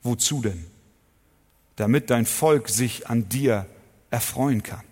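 A man preaching a sermon to his congregation, emphatic, asking rhetorical questions and swinging between loud and soft. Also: mid-range voice, takes it slowly, breathy edge. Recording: long hall reverb.

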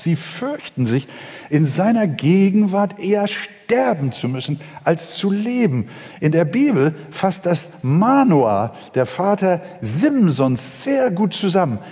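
A man preaching a sermon, swinging from ringing emphasis to hushed low tones, with hesitant fillers between phrases. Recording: long hall reverb.

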